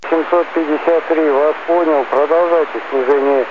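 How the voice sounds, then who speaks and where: A man's voice: on the high side, fairly even intonation, normal speed. A man working as an air traffic controller, giving formal procedural instructions over the radio. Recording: tinny narrow radio channel with static.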